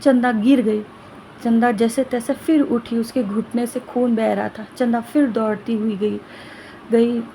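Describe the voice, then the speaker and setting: A woman's voice: on the high side, fairly even intonation, measured pace, dark tone, slight background noise, low-quality recording. A woman storyteller narrating a fairy tale in a loose, informal way with restarts.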